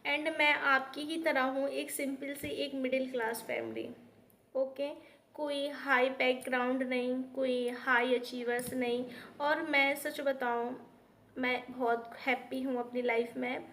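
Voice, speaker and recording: Woman in her 30s, high voice; earnest personal vlog, faint background noise. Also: flat delivery, slow, fairly bright tone. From Uttar Pradesh, India. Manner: earnest and heartfelt, mixing English words, with many restarts. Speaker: teacher and YouTuber.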